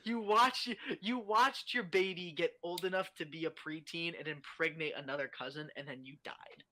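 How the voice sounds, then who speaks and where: A man's voice: a little high, steady tone, moderate pace, sharp tone, slight background noise. A young adult man talking as a guest in a casual podcast chat, ranting animatedly and swearing a lot.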